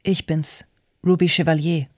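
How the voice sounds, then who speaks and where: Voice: mid-range voice, level tone, a little slow, no echo, studio quality, lightly acted. A reader doing a scared drunk teenage girl. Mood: pleading.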